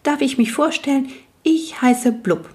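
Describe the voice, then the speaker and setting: Woman reading shy will-o'-the-wisp, nervous, timid, hurried, high.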